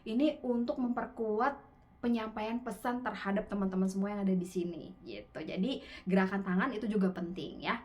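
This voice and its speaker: Brief: female public speaking coach on a webinar mic, relaxed and chatty, lifts and drops her intonation often. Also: medium pitch, moderate pace. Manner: lively rising and falling intonation; gestures constantly with her hands. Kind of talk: online webinar talk.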